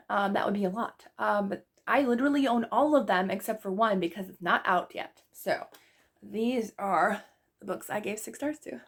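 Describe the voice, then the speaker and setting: Chatty woman with a gravelly edge. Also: mid-range voice, normal speed. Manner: chatty and gushing, with frequent fillers like "like" and "literally". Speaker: book vlogger. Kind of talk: casual book review chat.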